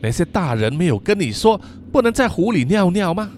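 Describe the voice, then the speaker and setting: A grim, stern village boy, as a male narrator puts him on who scolds in a cold, flat tone broken by weary, exasperated sighs. His voice sits near the storyteller's own range but comes out more hushed and severe. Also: high-pitched, brisk, slight background noise, pitched above the performer's own voice. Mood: cold scolding. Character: stern, cold dark-skinned local boy.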